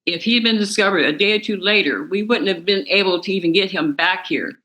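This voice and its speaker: A woman's voice: medium pitch, fairly quick, bright, forceful tone, poor audio. Woman confronting a defendant emotionally. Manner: emotional, accusing, repeats words. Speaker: victim's family member addressing defendant. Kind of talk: spoken victim impact statement. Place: courtroom.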